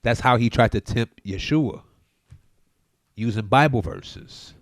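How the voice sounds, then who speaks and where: A man's voice: mid-range voice, slow pace, a little hiss or hum. A man co-hosting a casual podcast chat, preaching his views emphatically and telling listeners to look things up. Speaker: podcast co-host.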